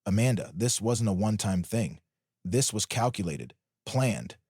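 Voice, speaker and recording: Storybook figure: a firm, cold husband, voiced by a man narrating, low and bitter, with a dry close sound. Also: expressive, a little slow, a little mellow, breathy edge, dry recording, full character voice.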